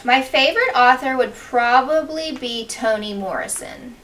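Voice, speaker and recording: A woman's voice: sits high, a little slow, fairly bright tone. A woman giving encouraging, simply worded interview answers to children, often echoing the question before she replies. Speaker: school staff member being interviewed. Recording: distant mic with faint background noise.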